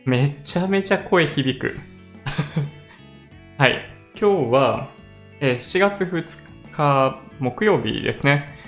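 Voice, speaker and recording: A vlogger chats casually to camera in a room he has just moved into, still empty, his voice echoing off the bare walls. He sounds relaxed and talkative, laughing often, with a high-ish voice, a slow pace, and frequent pauses. A condenser mic on a stand captures him, with soft music playing in the background.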